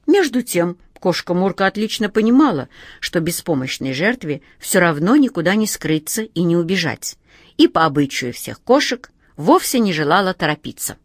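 A woman reading a children's storybook aloud with a lively, expressive manner. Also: fairly low pitch, no echo, clean studio sound.

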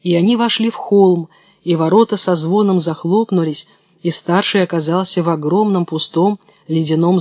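Calm man narrating a fairy tale. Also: sits high, no echo, studio quality. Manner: calm, even storytelling. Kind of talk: storybook narration.

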